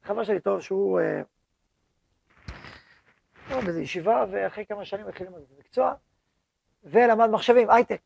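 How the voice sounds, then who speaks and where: Gravelly high-voiced rabbi lecturing students. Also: male voice, pauses often. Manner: animated, repeats words for emphasis. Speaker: yeshiva head rabbi.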